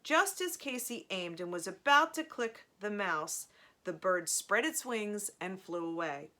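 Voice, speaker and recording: Slow, bright-voiced woman reading a story. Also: medium pitch, expressive. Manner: slow, measured storytelling with casual asides. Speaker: reader of a novel. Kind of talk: audiobook reading with asides.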